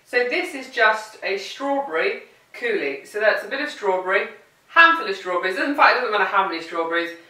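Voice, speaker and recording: A woman's voice: mid-range voice, lively intonation, fairly quick, bright, forceful tone. A woman presenting a cooking demonstration, chatty and playful, talking to the food as she goes. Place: home kitchen. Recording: roomy kitchen, mic at a distance.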